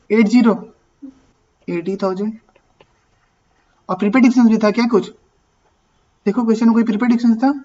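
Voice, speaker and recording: A man's voice: very high voice, a little mellow, dull audio. A man teaching an accounting class, talking casually and asking and answering his own questions. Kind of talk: classroom lecture.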